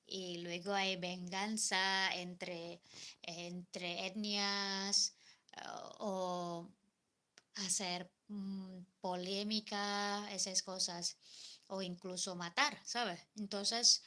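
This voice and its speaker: Slow, bright-voiced Indonesian woman host. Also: mid-range voice. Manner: repeats phrases, many "eh" fillers, simple non-native Spanish. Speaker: live stream host. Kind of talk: casual live stream chat about culture.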